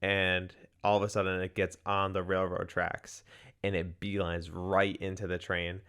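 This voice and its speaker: A young man co-hosts a movie podcast, rambling casually through a review with lots of "likes" and loudly acting out lines from scenes. His voice is deep, clean and monotone, and a little slow.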